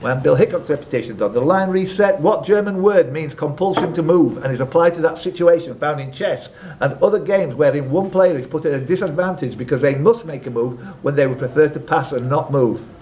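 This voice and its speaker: The quiz host here has a fairly high, slightly mellow voice and talks a little fast with few pauses. He reads out questions at a live quiz in a social club room and chats with contestants in between. Room noise is audible throughout this noisy live recording.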